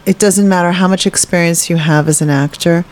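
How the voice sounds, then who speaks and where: Brief: woman comic being interviewed, low pitch, candid and chatty. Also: steady tone, brisk, a little mellow. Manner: chatty, candid, with frequent fillers. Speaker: guest, stand-up comedian. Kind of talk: casual interview conversation.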